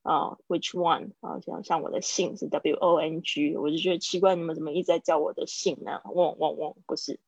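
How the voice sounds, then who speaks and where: A woman runs a live online English class in a low, gravelly voice, patiently breaking each phrase down and repeating it slowly. The sound is dull and lo-fi, with a dry, close computer-mic feel and no room echo. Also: fairly even intonation, a little mellow. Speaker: English teacher. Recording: dull lo-fi dry stream audio.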